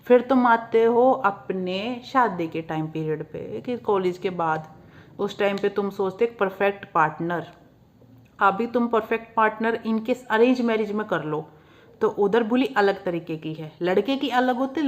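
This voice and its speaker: A woman's voice: medium pitch, normal speed. Blunt young Haryanvi woman vlogger. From Haryana, India. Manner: blunt and outspoken, mixing Hindi with English words and laughing at her own jabs. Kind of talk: casual monologue to camera.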